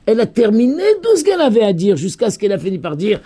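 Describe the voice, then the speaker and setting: A man, a rabbi, giving a Torah lesson, who stresses points by repeating them and swings from loud calls down to near whispers. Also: high voice, sing-song, fast talker, husky.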